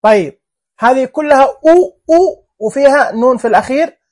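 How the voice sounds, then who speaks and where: A teacher gives a classroom grammar lesson, speaking slowly and repeating each word and example. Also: sits high, expressive, darkish tone. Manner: slow, repeats words and drills examples.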